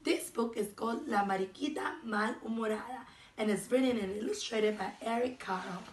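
Woman teacher, storybook reader, slightly high voice, echoey far-off room sound. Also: normal speed, slight background noise. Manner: expressive bilingual storytelling. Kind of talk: reading a picture book aloud.

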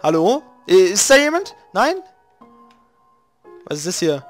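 High-voiced man casually playing a game. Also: a little slow. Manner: relaxed, swearing, mumbling asides. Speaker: let's play host. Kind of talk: casual gaming commentary reading game text. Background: faint video game music.

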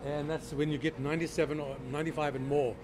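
A man's voice: a little high, level tone, fast, background noise. A man in his fifties, a restaurant owner, talking up his food with upbeat enthusiasm in a small restaurant. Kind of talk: casual interview. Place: small restaurant with street noise.

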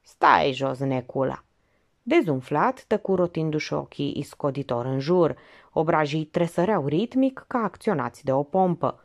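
Audiobook narrator, woman, lower register, animated intonation. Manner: expressive, lively reading.

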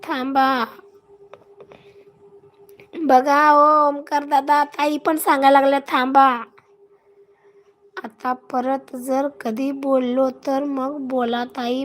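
A woman with a Marathi accent, hoarse from a cough, hosting a casual live stream and greeting and thanking her viewers by name. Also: high voice.

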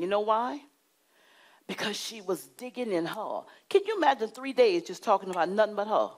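A middle-aged woman preaching a sermon, animated and emphatic, with dramatic pauses and sudden hushed asides. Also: mid-range voice. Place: church studio with curtain backdrop.

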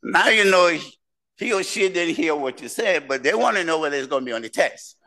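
An older man from Nigeria and Cameroon with a mixed West African accent, giving a slow, humorous keynote speech from a podium in a lecture room. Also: on the high side, lively intonation, sharp tone, rough recording. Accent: West African, mixed from many languages. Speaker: keynote speaker, professor. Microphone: podium mic.

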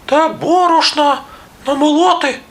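Two tiny, playful mice squeak in a very high, thin voice. They are lazy and cheeky, piping every word with a bright, sharp edge. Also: male voice, a little slow. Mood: squeaky.

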